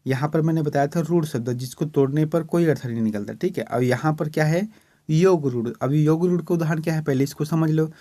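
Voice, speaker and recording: Speaking fairly quickly in a dark-toned, high-leaning voice, a male teacher from Chhattisgarh, India, walks through exam questions step by step. He checks in often with "ठीक है" ("okay") during this exam-prep lesson, and the recording is dry.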